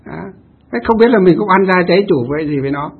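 A man's voice: high voice, expressive, quick pace, husky, narrow, tinny audio. A man, a Buddhist monk giving a storytelling dharma talk who asks rhetorical questions and answers them himself.

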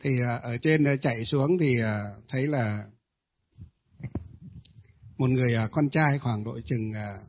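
A man, a Buddhist ritual master, tells a ghost story in a hesitant way, with many filler pauses. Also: medium pitch. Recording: tinny phone-like audio.

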